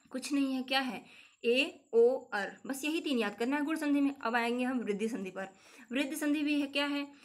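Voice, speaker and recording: A woman's voice: on the high side, a bit bright. A young woman teaching a grammar lesson for exam preparation, repeating the key points and calling her viewers friends.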